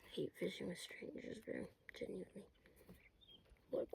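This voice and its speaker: Chatty young woman with a gravelly voice. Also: medium pitch, moderate pace, a little hiss or hum, rough recording. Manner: chatty and excitable, swears and says bro a lot. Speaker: fishing vlogger. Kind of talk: casual running commentary while fishing. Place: outdoors on a kayak on the water. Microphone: camera mounted on the kayak.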